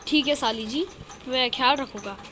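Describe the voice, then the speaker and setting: A woman's voice: high-pitched, normal speed, a bit bright, a little hiss or hum. A woman voicing an easygoing man who teases his sister-in-law. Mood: teasing. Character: joking brother-in-law, man.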